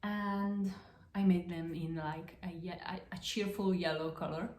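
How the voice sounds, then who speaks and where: An Italian-accented woman slowly talks through her knitting projects on her podcast, a casual crafts show-and-tell in halting English with many fillers, restarts and self-corrections. Her slightly low voice is steady and a bit dark, and the room echoes.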